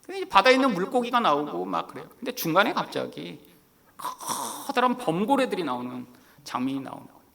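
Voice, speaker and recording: Animated, high-voiced male pastor. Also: fairly quick, vocal fry. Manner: animated, acts out quoted lines, laughs while telling. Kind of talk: sermon with personal storytelling.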